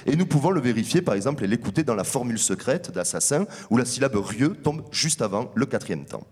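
A man's voice: mid-range voice, lively intonation, darkish tone, slightly rough. Man lecturing in a reverberant hall. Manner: measured, explanatory delivery. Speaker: researcher presenting findings. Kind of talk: academic conference talk.

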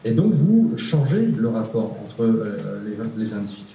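This male researcher's voice is on the low side and very animated, a little slow, with slight background noise. Answering a panel question, he sounds hesitant, leaning on fillers and repeated words, captured in a dull, echoey room from a distance.

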